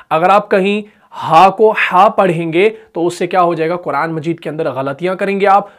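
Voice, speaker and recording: In a tajweed lesson, a Pakistani Urdu-accented man whose voice sits high teaches how to recite the Quran. He raises questions, answers them on his own, and pronounces the example words in a slow, drawn-out way.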